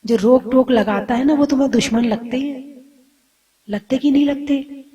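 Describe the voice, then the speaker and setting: A woman's voice: high-pitched, normal speed, mellow, breathy edge, lo-fi sound. A Jain nun giving a sermon in a conversational way, asking her listeners questions and acting out scolding family members. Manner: conversational, asks the audience questions.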